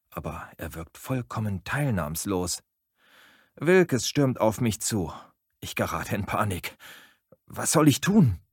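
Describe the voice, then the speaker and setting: A man reading a first-person horror story dramatically, moving between hushed and urgent. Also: low voice, slightly rough, no echo, clean studio sound. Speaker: audiobook narrator.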